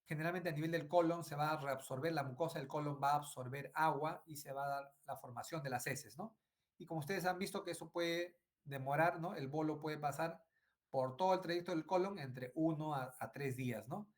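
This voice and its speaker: A man's voice: a little high, a little fast. A middle-aged man giving an online medical lecture, repeating phrases and asking "right?" often. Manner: frequent tag questions and fillers.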